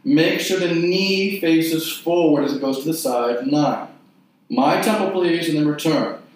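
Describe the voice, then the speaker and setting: A man leading an exercise class, giving short, clipped cues and counting repetitions in a measured rhythm. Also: a little high. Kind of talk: guided mat exercise instruction with counted repetitions. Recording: very echoey room, distant mic.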